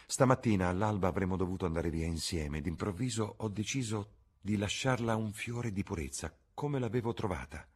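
A man reading a troubled young gentleman in an audiobook, earnest and confessional. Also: moderate pace, slightly rough. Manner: earnest, confessional, dropping low on asides.

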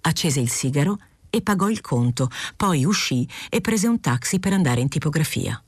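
A woman narrating a literary novel aloud in a steady, clear, unhurried audiobook reading. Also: low-pitched, no echo. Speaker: audiobook reader.

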